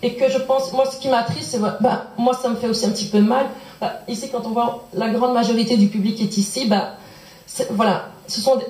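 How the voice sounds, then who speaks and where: In an echoey conference hall, a woman from Belgium poses a sincere, probing question from the audience at a public lecture, returning again and again to what she has said. Her voice is a little high with a darkish tone.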